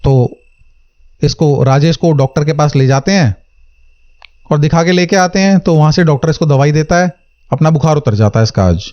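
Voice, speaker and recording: A man with a slightly high voice tells a horror story in a relaxed, chatty way, speaking straight to his listeners and slipping lightly into the characters' lines. His tone is mellow and a little dark, and the recording sounds dull and lo-fi. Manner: conversational, addresses listeners directly, acts out dialogue lightly. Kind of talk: casual spoken horror storytelling.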